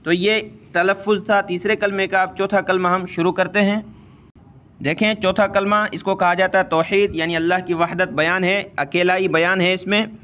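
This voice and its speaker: A man teaching Quran recitation, drawing out words slowly and explaining each sound in quick asides. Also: sits high, level tone, bright, forceful tone.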